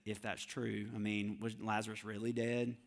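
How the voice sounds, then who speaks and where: A man voicing a scheming religious leader who sways a crowd in a hushed, sly, persuasive tone. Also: mid-range voice, little pitch movement, fast, clear, resonant tone, pitched below the performer's own voice, close to an everyday voice. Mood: conspiratorial.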